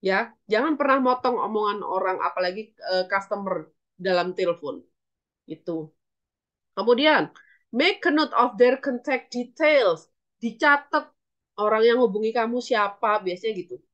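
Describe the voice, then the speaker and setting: A woman's voice: medium pitch, animated, a little slow, a bit bright. Woman lecturer, lo-fi class recording. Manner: explains in a mix of English and Indonesian, acts out phone calls. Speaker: English lecturer.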